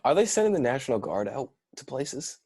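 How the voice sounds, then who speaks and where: A man's voice: medium pitch, big pitch swings, a little fast, darkish tone, breathy edge, no echo, clean studio sound. A young man with a Southern US accent, a comedian chatting casually as a guest on a podcast recorded over a video call, rambling and laid-back. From Georgia.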